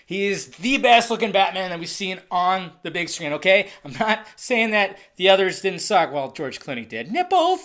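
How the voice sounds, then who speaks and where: A man giving a casual, ranting review of a movie trailer, excitable and profane, swinging between loud outbursts and muttered asides. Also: high-pitched.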